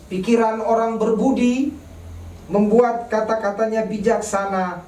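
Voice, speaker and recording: A woman preaching a sermon in church, speaking slowly and deliberately and asking rhetorical questions of the congregation. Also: medium pitch, darkish tone, a little hiss or hum. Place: church service broadcast online. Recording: echoey church room, mic at a distance.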